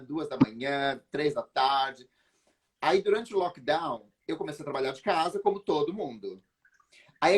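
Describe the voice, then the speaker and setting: Brazilian man telling a comic story. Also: on the high side. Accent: Brazilian Portuguese. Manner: lively storyteller, acts out quotes, laughs often. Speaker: guest. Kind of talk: animated comic anecdote.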